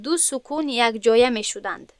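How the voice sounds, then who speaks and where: A woman's voice: on the high side, no room sound, studio quality. A woman with a Tajik-influenced Persian accent teaching an Arabic grammar lesson, explaining step by step and checking whether her students understood.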